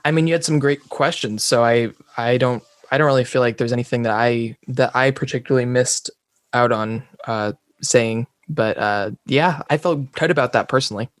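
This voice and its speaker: A man's voice: medium pitch, moderate pace. A young American man from California chats as a podcast guest in a mid-range voice. He is friendly, laughs easily and doubles back on his words. The sound is dry, with no room echo. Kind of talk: casual chat over a video call.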